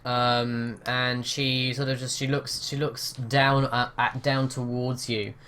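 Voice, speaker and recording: A man's voice: mid-range voice, little pitch movement, slow, bright, forceful tone, slight background noise. A man narrating as game master of a tabletop game, hesitant and full of "um" and "sort of" fillers.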